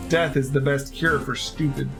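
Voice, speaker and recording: Gruff old grandmother, blunt, scolding, protective, storybook reading, played by a man. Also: medium pitch, flat delivery, normal speed, music in the background, natural voice. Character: tough, foul-mouthed, protective old grandmother.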